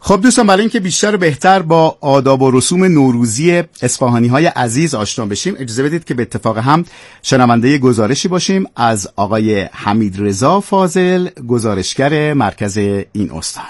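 A man's voice: medium pitch, lively intonation. A man hosting a radio programme, speaking in a presenter's style. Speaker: radio host. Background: music.

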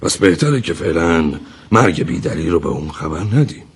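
Very husky, solicitous village man. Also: low voice, lively intonation, exaggerated voice. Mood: grave. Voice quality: husky, rough.

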